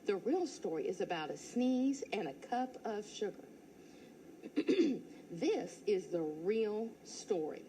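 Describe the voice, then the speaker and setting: A teacher reading a children's storybook aloud in first person, playful and expressive. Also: female voice, mid-range voice, slow, slight background noise, poor audio.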